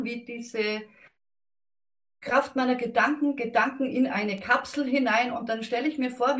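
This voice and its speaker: A woman speaking gently and reflectively about letting go of anger, thinking aloud as she goes. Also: a little high. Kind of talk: calm talk on self-help and letting go.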